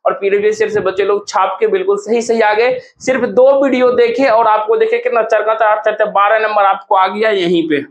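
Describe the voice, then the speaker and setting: Brisk and with few pauses, a high-pitched male teacher from Hindi-speaking Bihar goes over exam answers in a relaxed, supportive manner. His intonation is fairly even, and the recording's highs are cut off.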